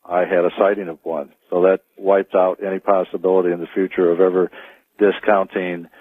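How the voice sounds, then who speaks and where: Halting, low-voiced man on a phone line. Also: little pitch movement. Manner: halting, deliberate, circles back on words. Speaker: interview guest, Bigfoot tracker. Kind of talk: live radio interview answers. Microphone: telephone. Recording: dry, narrow phone-line sound.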